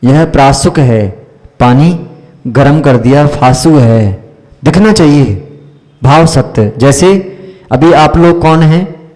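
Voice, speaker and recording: Slow, higher-voiced man teaching in a reverberant hall. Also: mellow. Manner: quizzes listeners with questions and repeated "isn't it?" checks. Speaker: Jain monk teaching a class. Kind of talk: religious teaching discourse.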